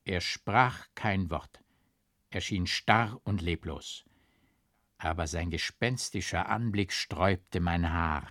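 A man reading a literary audiobook in a grave, measured way. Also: low voice, a bit bright, dry recording, studio quality. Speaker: audiobook reader. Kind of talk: scripted literary narration.

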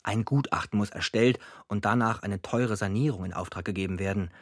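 A man with a lowish, natural voice narrates briskly in the first person, playing a grown son who recalls his family's troubles in a radio drama. The recording has no echo, and his short, dry, matter-of-fact sentences run over clear music.

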